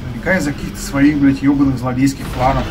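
A man's voice: mid-range voice, fairly even intonation, fast, recorded from a distance, poor audio. A man doing casual, foul-mouthed gameplay commentary, often grumbling in exasperation. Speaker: gamer commenting on a playthrough. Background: video game music.

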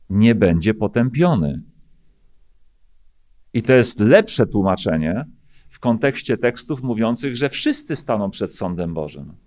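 A man's voice: mid-range voice, a little mellow. A middle-aged Polish pastor delivers a sermon from a lectern microphone in a church hall. He builds earnest, emphatic rhetorical questions, broken up by frequent hesitant fillers. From Poland.

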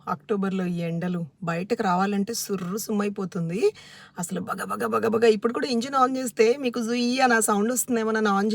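A woman's voice: medium pitch, slight background noise. A woman chatting casually to her viewers in a home vlog, mixing in English words. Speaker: vlogger.

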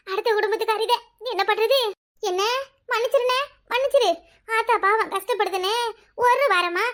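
A woman's voice: very high voice, fairly bright tone. A woman with a Kanyakumari Tamil accent voicing a married sister in a cartoon, sarcastic and self-pitying.

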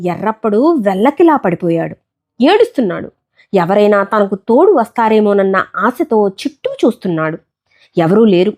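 A woman narrating a story in an expressive, emphatic way. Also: mid-range voice.

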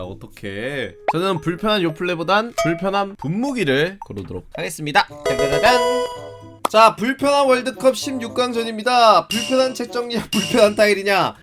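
A man streaming casual reaction commentary, exclaiming and grumbling with animated energy. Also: high voice.

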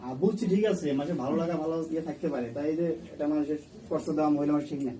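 A man's voice: on the high side, fast talker, dark tone. A man with a regional Bangladeshi accent speaking colloquially as an exorcist, in an insistent, admonishing way that repeats itself. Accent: Bangladeshi regional Bengali. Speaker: exorcist questioning a possessing jinn. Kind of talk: colloquial spoken negotiation. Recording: distant mic, faint background noise.

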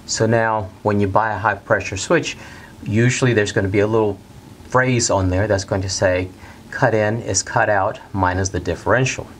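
A middle-aged man teaching a technical lesson at a whiteboard in a studio, talking plainly and steadily and repeating the key steps slowly. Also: on the low side, steady tone, a little hiss or hum. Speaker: HVAC instructor. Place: bright indoor studio at a whiteboard.

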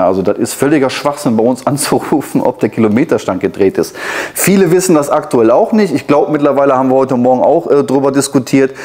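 A man's voice: mid-range voice, warm tone. A man in his forties with a Ruhr-area German accent walks viewers through a used car in an easy, talkative way, tossing in small asides to the audience. He is a car dealer recorded on a lapel mic inside a dealership showroom. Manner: chatty, frequent filler tags and asides to viewers. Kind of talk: casual car walkaround presentation.

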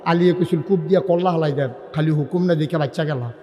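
A male preacher, telling a story as a waz sermon in a chanting, sing-song style with sudden shouts, acting out the characters' voices. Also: fairly high pitch, quick pace, big-room sound, lo-fi sound. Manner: acts out voices of the story's figures.

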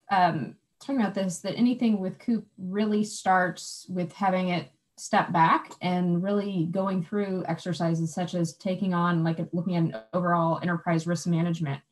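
Panelist, woman, very low voice, thoughtful, filler-heavy. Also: a little mellow. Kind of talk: panel discussion. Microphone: video call.

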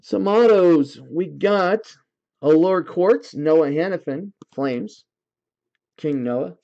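A man's voice: fairly high pitch, expressive, slow, creaky, warm tone, muffled recording. A man hosting a livestream card break, casually reading out card names in lists and talking to his viewers.

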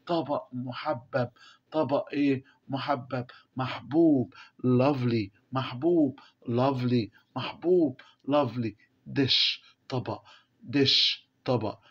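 A man's voice: medium pitch, steady tone, slow, lo-fi sound. A man with an Egyptian Arabic accent teaching English, repeating each word and quizzing his listeners. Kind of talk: classroom explanation.

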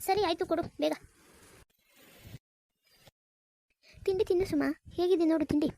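A bossy, scolding mother-in-law from a cartoon, voiced by a woman. She nags in a very high voice at a breakneck pace. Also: fairly even intonation, very fast, mellow, dry recording. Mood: demanding. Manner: scolding, nagging.

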